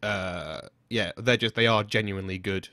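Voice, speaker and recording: Male podcast co-host, fairly low voice, chatty and casually profane, dry sound. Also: steady tone, moderate pace, bright, forceful tone, no echo.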